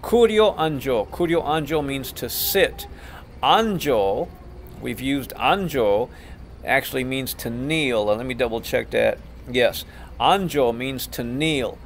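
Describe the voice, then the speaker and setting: A man's voice: mid-range voice, slow pace, slight background noise. A middle-aged man, a martial arts instructor, teaching class terms in an instructional video, patiently repeating each term.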